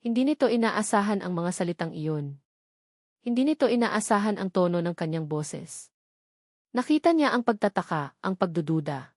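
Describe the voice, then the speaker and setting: A woman with a Filipino accent narrates a scripted romance drama, telling it in a measured, dramatic way with short pauses. Her mid-range voice is expressive, and the recording is clean studio sound with no echo.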